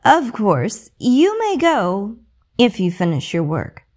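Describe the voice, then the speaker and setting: A woman's voice: medium pitch, huge pitch swings, takes it slowly, darkish tone, full character voice. A woman voicing a cruel, mocking middle-aged stepmother in a bedtime story. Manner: sneering, mocking.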